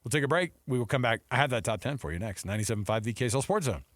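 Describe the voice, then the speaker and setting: Rapid-fire and mid-range, this middle-aged man's voice comes through a close studio mic with no room sound at all. Hosting sports radio, he keeps things casual, telling stories in a jokey, animated way.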